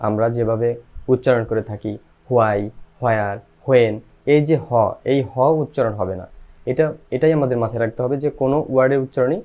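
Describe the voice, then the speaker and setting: A man teaching an English pronunciation lesson, spelling out letters and repeating each word slowly for the viewer. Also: mid-range voice, warm tone.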